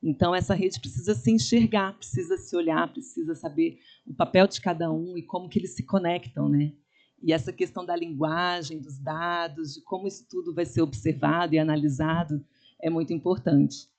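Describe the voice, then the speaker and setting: A woman's voice: on the low side, steady tone, fairly quick, a little mellow. A woman with a Brazilian accent gives an informal opening address as a public health manager.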